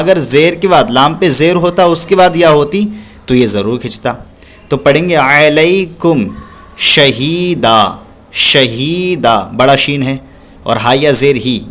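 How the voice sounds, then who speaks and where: A man teaching Quran recitation step by step, stretching and repeating syllables slowly for the learner. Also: a little high. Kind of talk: slow step-by-step recitation lesson.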